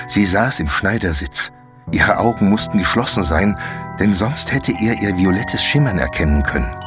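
A man narrates a fantasy audiobook in a measured, dramatic way. His voice sits low, and soft music plays faintly underneath.

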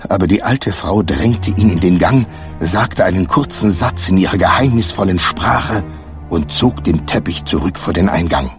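A man reading a children's adventure story aloud with expressive scripted narration. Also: deep voice, normal speed, over music. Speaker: audiobook narrator.

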